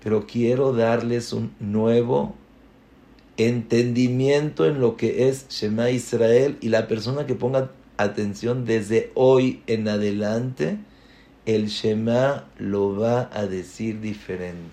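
A man's voice: medium pitch, steady tone, takes it slowly, dark tone, echoey room. A man giving an emphatic religious class, mixing Hebrew terms into his speech and posing rhetorical questions. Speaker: rabbi giving a Torah class. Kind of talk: religious lecture.

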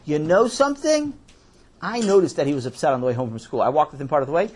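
A man's voice: a little high, animated, fast, slightly rough. A man voicing an eager, chatty young boy who rambles in a sing-song way, for a children's audio story. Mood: earnest.

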